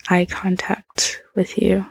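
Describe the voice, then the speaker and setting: A woman narrating a whispered role-play, speaking softly and intimately to the listener on a close mic. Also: medium pitch, completely flat delivery, takes it slowly, creaky, breathy edge, no room sound.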